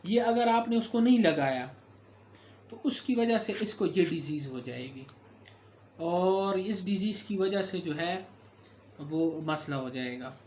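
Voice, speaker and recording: Man, somewhat high voice, medical lecturer, explanatory delivery with fillers, faint background hiss. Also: expressive, slow, darkish tone. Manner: explanatory, with frequent fillers and self-corrections. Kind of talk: recorded lecture.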